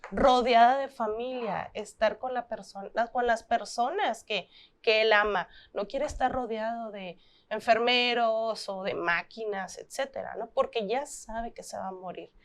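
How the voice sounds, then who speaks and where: A Mexican woman talks in an interview, her voice sitting a little high. She speaks gently and earnestly and slows down on the words she wants to stress. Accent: Mexican Spanish. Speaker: thanatologist guest. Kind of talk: interview talk.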